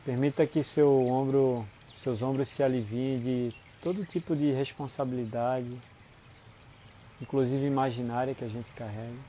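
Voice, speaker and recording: A man with a Brazilian Portuguese accent leads a guided relaxation in a soothing, unhurried manner, leaving long pauses between short phrases. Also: mid-range voice, steady tone, mellow, a little hiss or hum. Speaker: guided meditation instructor. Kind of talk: guided body-scan relaxation.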